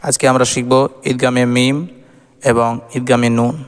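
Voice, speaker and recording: A man with a Bangladeshi Bengali accent teaching Quran reading, spelling out Arabic syllables and chanting the words slowly and melodically. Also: mid-range voice, monotone, clean tone. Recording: long reverb, faint music behind.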